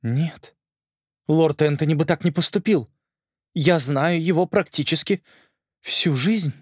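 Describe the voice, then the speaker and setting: A male reader voicing a proud, fierce female spider queen with a sharp, commanding manner. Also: fairly high pitch, a little slow, breathy edge, no room sound, clean studio sound, pitched above the performer's own voice.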